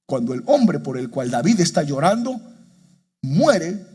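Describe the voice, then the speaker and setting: Husky, impassioned male preacher. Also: very animated, a little mellow. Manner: impassioned preaching, rises high and slows for emotional quotes; addresses congregation directly with repeated exhortations. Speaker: pastor. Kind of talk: sermon.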